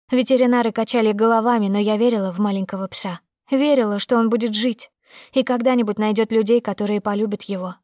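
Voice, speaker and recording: A woman tells a first-person story as an audiobook reader, steady and emotive. Her voice sits fairly high. It is recorded close on a studio mic with a dry sound. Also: dry recording. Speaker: audiobook narrator.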